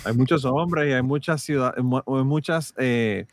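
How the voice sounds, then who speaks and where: A man's voice: medium pitch, dry recording, studio quality. A man, co-hosting a podcast in joking, rambling casual banter. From Puerto Rico. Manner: joking, rambling, drawn-out asides. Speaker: podcast co-host.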